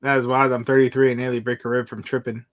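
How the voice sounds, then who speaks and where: A man's voice: medium pitch, little pitch movement, fast talker. A man in his forties hosting a casual livestream chat, laughing often and reading out viewer comments. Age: 40s. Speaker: stream host.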